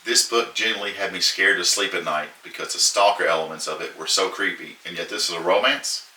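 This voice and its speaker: A man's voice: sits low, fairly quick, sharp tone. A man hosting, reading reviews aloud with casual chat and often breaking into laughter as he reads. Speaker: host reading book reviews. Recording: echoey room, distant mic, noise.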